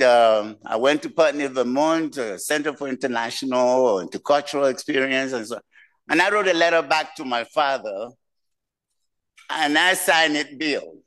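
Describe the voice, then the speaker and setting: An older man, who grew up outside the United States, gives a keynote speech from a podium in a lecture hall, telling a personal story slowly with pauses. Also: medium pitch, a bit bright. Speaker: keynote speaker.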